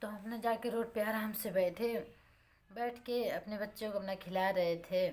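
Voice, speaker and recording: A young woman vlogger recounts a personal story for her followers. Her voice sits at an ordinary middle pitch, and she tells it plainly, circling back over the same points and calling her viewers friends. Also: fairly even intonation, normal speed, a little mellow.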